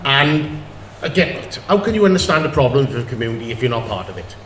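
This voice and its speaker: A man's voice: mid-range voice, sing-song, fast talker, a bit bright. A man with a South Wales Valleys accent answering as a candidate at a public hustings. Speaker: election candidate. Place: indoor public meeting hall. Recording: echoey hall, faint noise.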